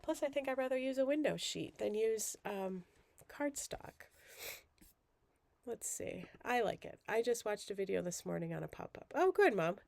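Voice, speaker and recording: A woman's voice: mid-range voice, lively intonation, normal speed, creaky, a little mellow, dry recording. A woman hosting a casual crafting livestream while groggy and sick with a cold, chatty and rambling. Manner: rambling, chatty, self-deprecating.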